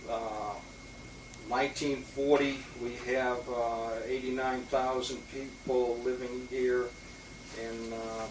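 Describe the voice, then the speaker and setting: This police lieutenant from Boston, Massachusetts gives a history talk in a historic house's meeting room, wandering along with many fillers and restarts in a mid-range voice. The recording is roomy, made on a far-off mic with heavy hiss.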